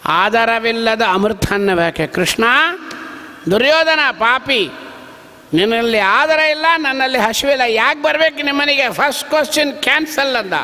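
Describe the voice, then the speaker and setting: A man's voice: very high voice, animated, normal speed, sharp tone. A man giving a devotional sermon, telling the story dramatically and acting out the dialogue. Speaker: religious discourse speaker. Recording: reverberant hall.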